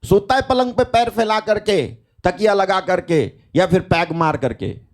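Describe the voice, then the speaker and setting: Emphatic preacher with a higher male voice. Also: a little slow. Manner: emphatic, full of rhetorical questions and hallelujahs. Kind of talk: sermon; live online prayer meeting.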